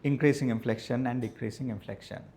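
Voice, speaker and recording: A male maths teacher, dictating lecture notes slowly and repeating each phrase so students can write it down. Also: mid-range voice, fairly even intonation, dark tone, slight background noise. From Sri Lanka. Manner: repeats phrases slowly for note-taking, spells words out.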